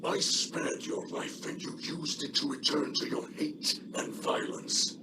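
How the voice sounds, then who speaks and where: In a video game cutscene, a male actor voices a stern, grieving alien leader, grave and formal, with a breathy growl and a natural voice. His mood is cold and wounded, his pace a little slow, and the recording sounds distant with heavy background noise.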